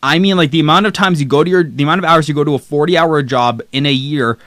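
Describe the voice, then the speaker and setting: Talking fast into a close desk mic, a young man streams live, chatting casually as he rambles through a games list and reads the chat aloud. His voice is a little high and fairly bright. The sound is studio quality with no room sound.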